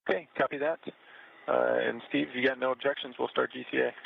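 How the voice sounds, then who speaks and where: A man operating a robotic arm, giving steady procedural callouts with small fillers over a muffled space radio link. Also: medium pitch, fast, creaky, husky. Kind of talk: technical radio calls.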